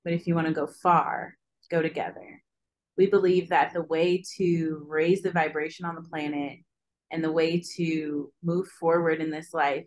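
A woman speaking as a guest on a relaxed podcast. Her voice sits a little low, and she sounds upbeat and chatty. She fills her sentences with casual "like"s. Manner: upbeat, chatty, says "like" a lot. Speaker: podcast guest, spiritual business owner. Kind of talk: casual interview chat.

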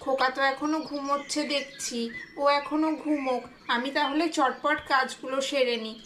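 A woman's voice: high voice, fairly even intonation, normal speed, sharp tone, slight background noise. A woman voicing a busy village housewife and young mother who talks to herself about her chores. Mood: bustling.

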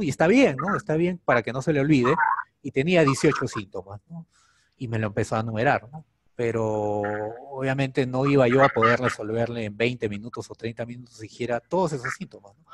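A man's voice: medium pitch, slight background noise. A middle-aged man, a doctor giving medical students an informal online lecture and tagging his sentences with a questioning "no?". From Peru. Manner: conversational, keeps asking "¿no?".

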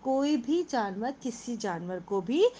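A woman's voice: a little high, lively intonation, dark tone, a little hiss or hum. A woman doing a sly sweet-talking fox. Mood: coaxing. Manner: sugary, coaxing, drawn-out.

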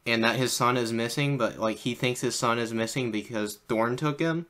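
A man's voice: medium pitch, normal speed. A young man hosting a casual cartoon rewatch podcast, talking loosely with lots of fillers and leading the grading. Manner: relaxed, filler-heavy, leads the grading. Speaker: podcast host. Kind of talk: casual chat.

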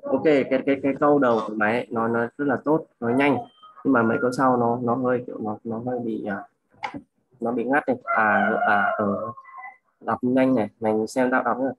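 A young man casually tutoring a classmate, repeating words and slowly modelling pronunciation. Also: mid-range voice, steady tone, dull audio. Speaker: student coaching a classmate.

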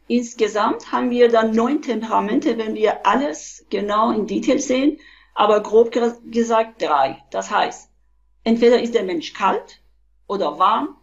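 A woman in her fifties, originally from Iran, explains things step by step, full of hesitations and restarts. Her voice sits a bit high. It comes through a webcam with a dull, muffled sound. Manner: halting, many fillers and restarts. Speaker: physician, interview guest. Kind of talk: explanatory video-call interview. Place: small room at home. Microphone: webcam on a video call.

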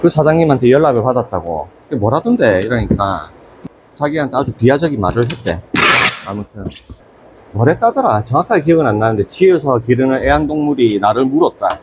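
A man's voice: medium pitch, a little fast. Gyeongsang guy telling a story in his vlog, voice jumps up and down a lot, noisy background. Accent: Gyeongsang Korean. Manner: animated, retells his own angry exchanges. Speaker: aquarium business owner.

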